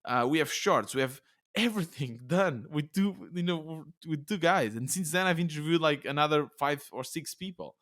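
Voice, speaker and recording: A man with a Portuguese accent hosting a solo podcast, talking in a chatty, excitable way with many restarts. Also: on the high side, normal speed. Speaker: podcast host. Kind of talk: casual solo podcast monologue. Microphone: podcast studio mic.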